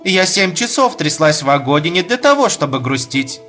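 A gushing society lady, coaxing and fussy, voiced high and lively, as a man performs her in a storybook reading. A mandolin plays faintly underneath. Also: normal speed, faint music behind.

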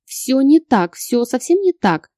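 A woman's voice: high voice, very animated, unhurried, warm tone, dry recording, studio quality, voice pushed up, full character voice. A woman reading an audiobook, voicing a frightened young woman who pleads through sobs. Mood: sobbing. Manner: sobbing, pleading.

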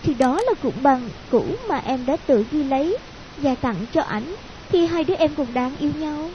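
A man's voice: extremely high pitch, expressive, moderate pace, voice pushed up. A man voicing a tearful, lovesick young woman, pleading through sobs. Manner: sobbing, pleading. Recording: dull lo-fi audio with hiss.

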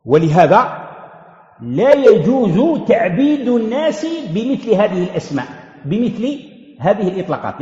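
Sheikh teaching, lively swooping voice, asks then answers himself, dull lo-fi echoey recording. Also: male voice, sits high. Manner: repeats key phrases for emphasis. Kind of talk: religious lesson. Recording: echoey hall, dull lo-fi sound.

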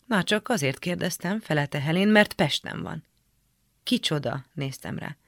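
Woman with a gravelly voice reading a memoir. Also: sits low, lively intonation, dry recording, clean studio sound. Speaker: reader of a memoir excerpt. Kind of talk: literary reading on radio.

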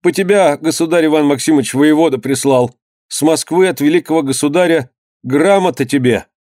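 A man's voice: on the high side, brisk, a little mellow, no echo, clean studio sound, pitched above the performer's own voice, close to an everyday voice. A man voicing a frightened young male servant who speaks timidly and pleads.

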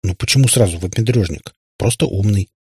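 Man voicing a gentle teasing schoolgirl. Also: fairly low pitch, fairly quick, husky, no echo, clean studio sound. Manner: soft, good-natured, lightly teasing. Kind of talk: audiobook reading.

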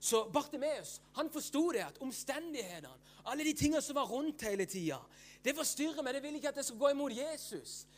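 A man's voice: extremely high pitch, expressive. A man preaching a sermon with fervor and emphasis. He asks and answers his own questions, repeats phrases and keeps breaking into hallelujahs.

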